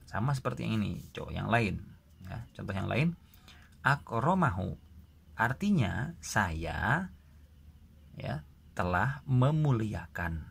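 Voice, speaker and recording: This classroom grammar lesson features a male teacher of Arabic whose lowish voice is creaky with a breathy edge. Going step by step, he explains patiently and peppers the lesson with "gitu ya" to check on students after every example.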